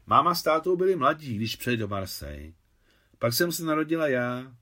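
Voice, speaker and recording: A man's voice: medium pitch, very animated, sharp tone. A man voicing a shy young working-class woman who talks plainly and artlessly in an audiobook. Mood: candid.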